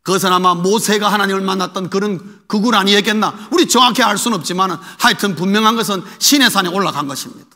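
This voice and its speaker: A man's voice: high-pitched, quick pace, few pauses, bright, forceful tone. A male pastor preaching a sermon in a church, emphatic and putting rhetorical questions to the congregation, in an echoey hall. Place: church sanctuary. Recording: echoey hall with long reverb.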